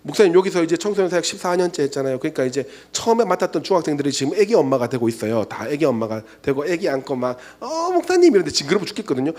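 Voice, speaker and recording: A man in his forties preaches a youth sermon in a church, telling stories and acting out the voices in them. His voice sits a little high and swings widely. He sometimes drops to a soft, hushed tone for emphasis. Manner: animated storytelling, acts out quoted voices, drops to soft hushed tones for emphasis. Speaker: youth pastor. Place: church sanctuary.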